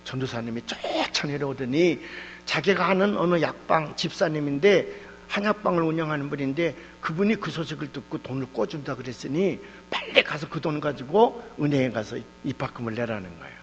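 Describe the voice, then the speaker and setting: Gravelly, lively male revival preacher. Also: on the high side, fairly quick, hardly any pauses. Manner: animated storytelling with sudden drops and outbursts. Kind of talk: revival sermon storytelling. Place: church hall. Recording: dull echoey hall with hum.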